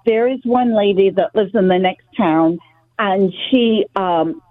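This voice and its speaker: A woman's voice: medium pitch, unhurried. A woman calling in to a radio show by phone, chatting casually and a little hesitantly over a tinny, echoey line. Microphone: telephone.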